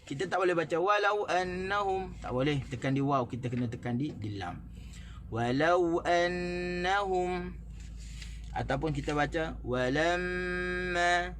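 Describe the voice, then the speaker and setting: A man with a Malaysian Malay accent teaching a recorded Quran recitation class, explaining word stress and then slowly chanting verses to demonstrate it, with frequent fillers and self-corrections. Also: on the high side, fairly bright tone, a little hiss or hum. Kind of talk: recorded online tajwid class.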